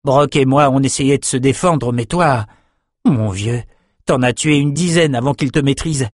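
Brief: young fighter, excitable and crude, pitched high, played by a male reader. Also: moderate pace, no room sound, studio quality, lightly acted. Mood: excited.

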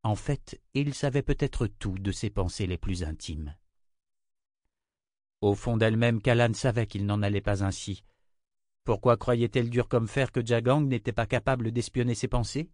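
A man narrating an audiobook in a steady, even reading voice. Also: mid-range voice, no room sound, clean studio sound.

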